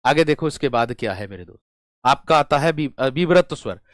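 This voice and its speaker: A man in a middle pitch teaches an exam-prep lesson while feeling unwell. He keeps asking his students questions and answering them himself, drawing words out. The sound is dry, with no room echo. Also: animated, fairly quick. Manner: repetitive call-and-response, addresses students as friends.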